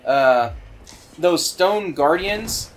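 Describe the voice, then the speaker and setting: Male gaming commentator, excitable and rambling, somewhat high voice, faint noise floor. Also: drawn-out words. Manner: rambling, excitable, many fillers. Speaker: let's play commentator.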